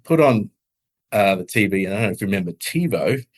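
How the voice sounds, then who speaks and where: A middle-aged man, a podcast guest, telling a personal testimony in an earnest, halting way with many restarts and soft laughs. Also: on the low side, animated.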